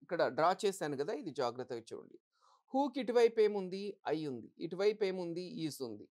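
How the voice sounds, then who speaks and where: Warm and sing-song, her fairly low voice carries an English grammar lesson aimed at exams. She asks the class questions, answers them on her own, and reads each example sentence slowly and carefully.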